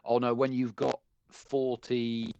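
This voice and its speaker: A man's voice: mid-range voice, little pitch movement, takes it slowly, gravelly, darkish tone, highs cut off, a little hiss or hum. A man who runs a gaming club, chatting cheerfully as a podcast guest. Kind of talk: casual interview chat.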